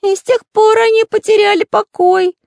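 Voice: very high-pitched, steady tone, moderate pace, gravelly, a little mellow, dry recording, studio quality, pitched above the performer's own voice. A reader voicing a kind, earnest male artist in a storybook reading, with an earnest, indignant manner. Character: kind, earnest male artist who draws with his nose.

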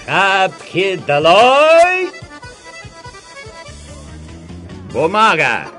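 A pompous bully of an official played by a male reader barks orders in a raised, bright, cutting voice with wide swings in pitch. It is a radio story reading, and the speech is loud and commanding. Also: expressive, measured pace, faint music behind. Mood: bellowing. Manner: bellowing, pompous bureaucratic commands.

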